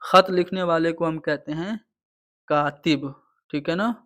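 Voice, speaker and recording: Male tutor, higher voice, patient step-by-step explaining, online exam-prep lecture. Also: a little slow, fairly bright tone. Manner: explains answers step by step, repeating "theek hai".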